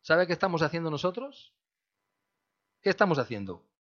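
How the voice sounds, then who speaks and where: Passionate Spanish pastor preaching. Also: male voice, big pitch swings, normal speed. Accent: Spain Spanish. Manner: passionate, swings from loud outbursts to soft low phrases. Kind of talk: sermon. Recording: dull lo-fi recording.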